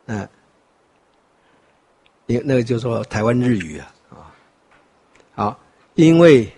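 A man's voice: medium pitch, sing-song, measured pace, dark tone, slightly rough. An older man from Taiwan with a Taiwanese Mandarin accent, giving a rambling Buddhist teaching talk full of fillers and wry asides. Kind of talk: dharma talk lecture.

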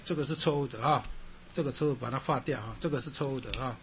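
A man teaching a Sanskrit class, repeating his points, clearing his throat often and ending phrases with a drawn-out "ha". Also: medium pitch, lo-fi sound, background noise. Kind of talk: classroom lecture.

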